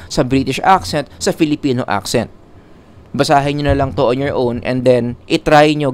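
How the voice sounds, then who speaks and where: A man's voice: mid-range voice, a little hiss or hum. A man giving a psychology lecture in a classroom style, mixing in English with jokes and asides.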